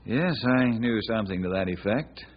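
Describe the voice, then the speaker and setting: An American actor playing a kindly, principled forest ranger in old-time radio drama style, with an earnest, folksy, friendly manner. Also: male voice, on the low side, animated, normal speed. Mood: concerned, direct. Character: kindly, principled male forest ranger, plain-spoken and steady. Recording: muffled, noisy old radio recording.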